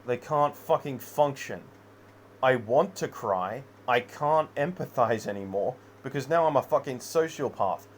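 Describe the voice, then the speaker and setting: A man's voice: medium pitch, animated, unhurried, a little hiss or hum. A man in an unscripted personal rant, rambling, heavily profane and agitated. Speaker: vlogger.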